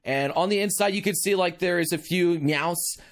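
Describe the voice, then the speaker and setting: A man's voice: high voice, moderate pace. A man running a tabletop game as game master, narrating casually with many fillers.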